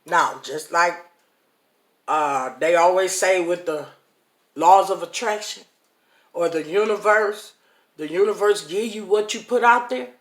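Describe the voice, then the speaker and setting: Slow, folksy speaker in an echoey room. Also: mid-range voice, fairly bright tone. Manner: folksy, chuckling, talks straight to viewers. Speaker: online inspirational speaker. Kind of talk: casual devotional talk. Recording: roomy echo.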